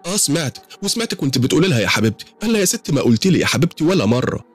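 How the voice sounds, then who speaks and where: A man's voice: fairly high pitch, sing-song, rapid-fire, breathy edge, soft background music, pitched above the performer's own voice. A man with an Egyptian accent voicing a frightened young woman, a new mother, who pleads and stammers. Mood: teasing. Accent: Egyptian Arabic.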